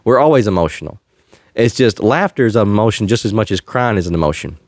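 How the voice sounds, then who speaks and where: A man's voice: on the low side, animated, fast talker, dry recording, studio quality. A man hosting a faith-based podcast, talking in an earnest, slightly preachy way and chuckling often. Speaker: podcast host. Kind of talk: faith-based casual chat.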